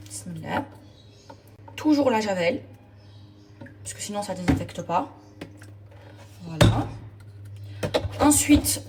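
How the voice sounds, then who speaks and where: This lifestyle vlogger has a mid-range voice and chats to followers while cleaning the house. She is emphatic and slangy, refers to her viewers as girls, and the distant mic records cleaning clatter plus background noise.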